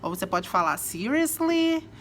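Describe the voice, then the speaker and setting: A woman from Brazil, an English teacher, talks through common phrases in a relaxed video lesson. She explains patiently and acts out example lines. Faint noise hums behind her voice. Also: medium pitch, moderate pace.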